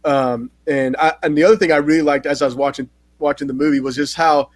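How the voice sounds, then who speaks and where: A man hosting a casual movie-review chat, relaxed and animated when he gets going. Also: fairly high pitch, fast talker, dry recording. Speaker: host.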